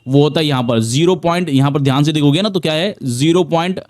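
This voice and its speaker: A man's voice: a little high, fast talker, darkish tone, dry recording, studio quality. Chatty man teaching trading. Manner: chatty, repetitive, many fillers and restarts. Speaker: trading educator. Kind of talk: casual screen-share tutorial.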